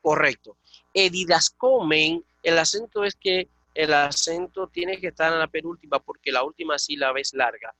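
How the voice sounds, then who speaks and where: A man's voice: a little high, moderate pace, pushed and bright, no echo. A man from the Dominican Republic teaching a Koine Greek class, explaining patiently and checking in with his students. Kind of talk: online class lecture.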